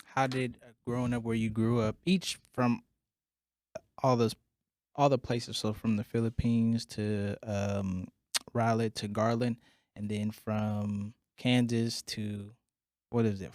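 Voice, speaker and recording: Male podcast host, mid-pitched, casual questioning, dry close-mic sound. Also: no room sound. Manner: relaxed, laid-back questioning with fillers. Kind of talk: casual interview chat.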